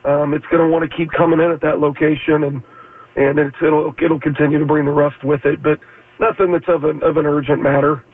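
A male foundation repair expert appears as a guest, his voice slightly scratchy and worn from allergies, pitched a touch high with little movement. He talks hesitantly, filling pauses with ums and uhs. He comes through a tinny phone line.

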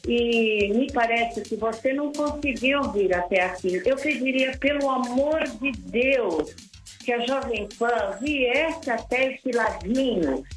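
Woman, phoning in to a radio show, earnest, pleading, hesitant restarts, echoey phone line. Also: a little high. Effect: heard over a phone line. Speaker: listener calling in to a radio show. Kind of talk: live call-in to a radio program. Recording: echoey phone line, faint music behind.

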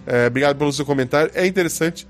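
A man's voice: fairly high pitch, very fast, soft background music. A man with a Brazilian Portuguese accent, hosting a podcast as game master, chatting casually and teasing listeners. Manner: joking, teasing, reads listener comments.

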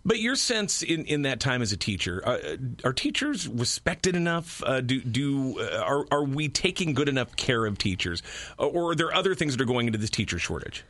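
An American man with a mid-pitched voice hosts a conversational interview. He feels his way into questions, haltingly repeating words. The recording is dry, with hardly any room sound. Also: very animated, fairly bright tone, dry recording. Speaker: program host and interviewer.

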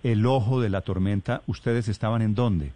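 Low-voiced male radio host, lightly teasing. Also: normal speed, dark tone, no echo. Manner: inquisitive, lightly teasing interviewer. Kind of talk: live radio interview.

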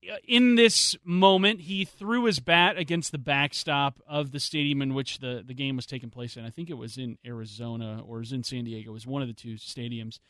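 A man hosting a sports talk show, giving his opinions in animated, casual chat on a studio mic. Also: mid-range voice, a little fast, few pauses, no room sound. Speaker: sports radio host.

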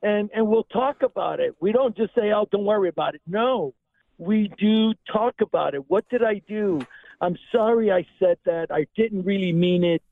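A man in his sixties talks over a phone line as a caller to a radio show. His voice sits high for a man, and the line is thin and tinny. He speaks earnestly and from the heart. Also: moderate pace, vocal fry, no room sound. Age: 60s. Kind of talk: call-in radio chat. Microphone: telephone.

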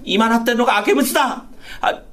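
A male rakugo storyteller playing a gruff, hard-drinking Edo fishmonger husband, with old speech. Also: very high-pitched, normal speed, bright, forceful tone. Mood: bewildered. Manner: gruff, boisterous, blustering.

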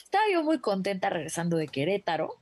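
A woman, co-hosting an entertainment show and telling a story in an animated way, with frequent laughter. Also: mid-range voice, quick pace. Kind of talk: casual gossip chat.

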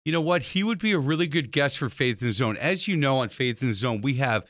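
A man hosting a radio talk show, telling stories in a lively, jokey way. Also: fast, no room sound, clean studio sound. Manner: animated, jokey, swings pitch widely when telling stories. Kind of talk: lively conversational storytelling.

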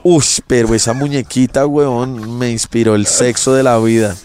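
A man's voice: mid-range voice, steady tone, normal speed, a crowd in the background. A man co-hosting a podcast, chatting in a crude, slangy, enthusiastic way. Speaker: podcast co-host. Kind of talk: casual joking chat.

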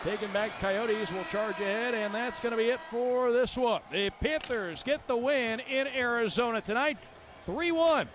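A man doing rapid, excited hockey play-by-play as a radio announcer, over an arena broadcast. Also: very high voice. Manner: excited goal calls.

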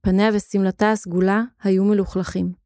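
A woman giving a steady, expressive scripted narration of a children's story. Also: mid-range voice, no echo, clean studio sound.

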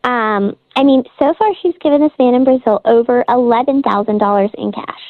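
A woman's voice: fairly high pitch, brisk, dry recording. A woman calling in to a radio show, her voice disguised by a morphing voice changer, talking hesitantly with many fillers. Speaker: radio call-in caller. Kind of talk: casual phone chat. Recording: dull lo-fi phone line.

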